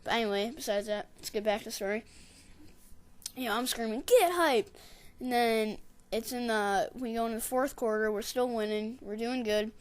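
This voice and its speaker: A woman casually narrating her gameplay in a rambling, digressive way, and getting excitable when she tells a story. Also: a little high, fairly quick, clear, resonant tone. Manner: excitable, shouts catchphrases when retelling. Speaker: gameplay commentator.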